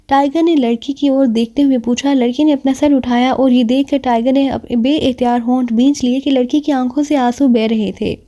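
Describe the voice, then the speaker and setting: High-voiced woman narrating a thriller novel. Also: few pauses. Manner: steady, dramatic storytelling. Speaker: audiobook narrator. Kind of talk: novel reading.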